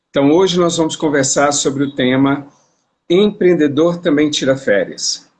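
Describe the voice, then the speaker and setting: A Brazilian man hosts a casual live-stream interview from his phone, chatting away and often repeating words or starting over. His voice is mid-range and a little mellow.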